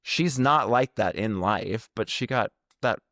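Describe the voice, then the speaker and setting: Chatty podcast guy, lowish voice, bouncy delivery, laughs a lot, dry mic. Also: a little slow, no echo. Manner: animated, chatty, laughs often. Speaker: podcast co-host. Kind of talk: casual reality TV recap chat.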